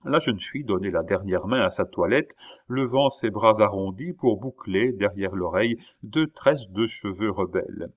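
A man narrating a classic novel aloud in a measured way, with the odd hesitation. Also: lowish voice, animated, muffled recording. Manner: measured reading with occasional hesitations. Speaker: audiobook narrator. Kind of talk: literary audiobook narration.

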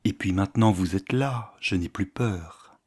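A man reading the lines of a troubled, quick-tongued young countess in an audiobook, his voice rising as she pleads. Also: sits low, a little mellow, breathy edge. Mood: plaintive.

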